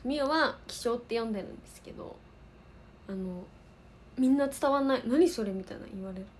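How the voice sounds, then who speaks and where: Fairly quick and on the high side, this woman's voice carries a light Kansai accent, with a little hiss or hum in the background. She's a twenty-something idol livestream host from Osaka, Japan, casually responding to viewers' comments.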